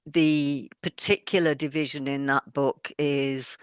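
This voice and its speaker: A middle-aged author speaks slowly in a low, clear, resonant voice with fairly even intonation, musing through a casual interview. Born in England and raised all over the world, she has a mixed British accent with traces of Welsh and Yorkshire. Studio-quality sound, no echo.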